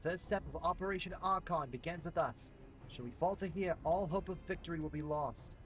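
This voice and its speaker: A man voicing a stern military lieutenant in a gravelly voice, reading game dialogue aloud. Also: fairly high pitch, fairly quick, a bit bright, faint music behind, voice pushed up, lightly acted, poor audio. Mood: commanding.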